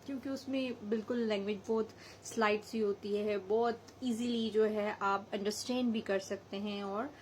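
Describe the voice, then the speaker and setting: A woman's voice: medium pitch, steady tone, moderate pace, a little mellow, slight background noise, low-quality recording. A woman from Hazara in Pakistan with a local accent, giving a chatty spoken English lesson and mixing English phrases into her explanations. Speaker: English teacher.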